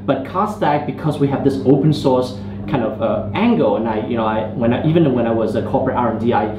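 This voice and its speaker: A startup founder from Hong Kong talks fast in a mid-range voice with lively intonation, giving casual interview answers at an indoor venue there. His phrasing is loose, full of fillers and restarts, and the recording sounds roomy, muffled and noisy.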